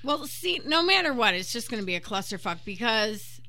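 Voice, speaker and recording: A woman's voice: fairly high pitch, very animated, a little fast, sharp tone. A woman co-hosting a podcast in casual chat, blunt and exasperated, swearing freely. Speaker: podcast co-host.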